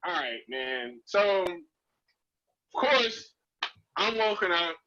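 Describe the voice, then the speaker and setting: A man's voice: high-pitched, very animated, extremely slow, pushed and bright, dull audio, a little hiss or hum. A man telling a story in casual chat, laughing as he goes.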